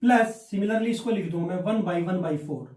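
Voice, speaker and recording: A man's voice: high voice, measured pace, darkish tone. A male maths teacher explains exercises step by step, keeps checking that the class follows, and answers his own questions. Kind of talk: blackboard maths lesson. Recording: echoey room, mic at a distance.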